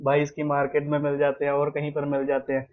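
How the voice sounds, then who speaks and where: Chatting with viewers from a small room at home, the same young vlog host talks fast in a monotone, his voice slightly high. The sound is phone quality, and he keeps repeating himself and tossing in English words.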